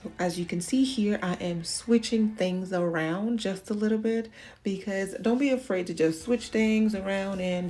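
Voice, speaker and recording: In a mellow, fairly low voice, a home organization vlogger talks her viewers through cleaning. The voice-over is relaxed and conversational, addressed directly to the audience with tips meant to encourage.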